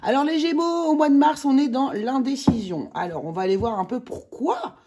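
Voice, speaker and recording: A woman talks her way through a tarot spread in a chatty, halting way, full of fillers and excited little exclamations. Her voice is mellow and warm, with a husky edge. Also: high voice. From France. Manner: chatty, hesitant with many fillers, exclaims at cards. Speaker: tarot reader. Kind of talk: casual tarot reading video.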